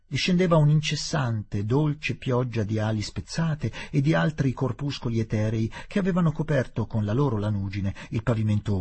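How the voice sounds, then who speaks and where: A man reading a novel aloud with expressive, measured narration. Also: medium pitch, breathy edge. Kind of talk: literary audiobook reading.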